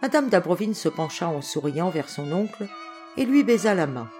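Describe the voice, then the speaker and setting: A woman narrating a classic novel as an audiobook reader, in a calm, even storytelling manner. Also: on the low side, moderate pace, faint music behind. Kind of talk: scripted narration.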